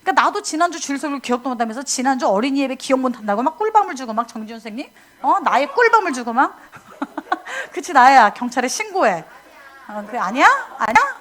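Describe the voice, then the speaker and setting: Animated high-voiced woman lecturing. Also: fast talker. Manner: animated, acts out scolding voices, chatty asides to audience. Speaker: missionary speaker at a youth camp.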